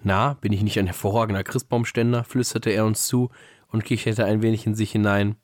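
A man with a somewhat low voice reads a Christmas story aloud in a calm storybook manner. The sound is dry and close, with no room around it. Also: brisk, dry recording. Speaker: podcast co-host reading a story.

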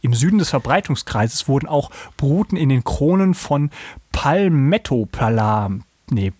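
A man's voice: medium pitch, expressive, unhurried, darkish tone, slightly rough, dry recording, studio quality. A young man hosting a podcast, chatting casually, reading animal facts aloud and playfully imitating calls. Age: young adult. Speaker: podcast host.

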